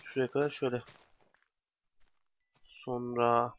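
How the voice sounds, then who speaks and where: A man's voice: mid-range voice, flat delivery, takes it slowly. A young man giving casual let's play commentary, talking to himself with bursts of exasperation. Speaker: gamer commentator. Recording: dry, dull lo-fi home mic.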